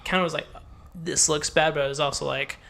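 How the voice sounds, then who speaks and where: A man's voice: on the high side, fairly even intonation, fairly quick, gravelly, sharp tone. A young man co-hosting a podcast, recalling a story in a laid-back way, full of "like" and light laughs. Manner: laid-back, lots of "like" fillers, laughs while talking. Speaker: podcast co-host. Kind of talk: casual storytelling chat.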